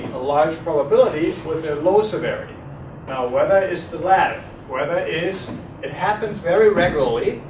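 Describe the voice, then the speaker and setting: Speaking as a guest lecturer in a university talk with audience questions, a middle-aged German-accented man has a slightly high voice. His manner is relaxed and talkative, though hesitant and packed with fillers, and he quizzes those listening. The recording is noisy, echoey and far from him.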